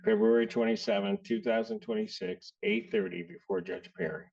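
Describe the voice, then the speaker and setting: A gravelly, darkly toned male judge speaks in a lively, rising and falling way. He moves briskly and bluntly through formal court procedure. The sound comes from a dull, distant courtroom recording. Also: high-pitched.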